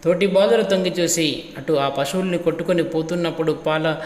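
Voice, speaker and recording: A man's voice: a little high, fairly quick, darkish tone. Man teaching a poem in an echoey room. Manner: repeats lines and asks rhetorical questions. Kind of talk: explaining a textbook poem. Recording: echoey room with long reverb.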